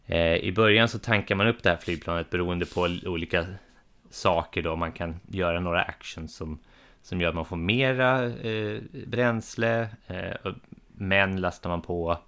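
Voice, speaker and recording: A man in his thirties co-hosts a podcast, chatting casually about board games but hesitating often, with many fillers and restarts. His voice is low yet fairly bright, clear and resonant.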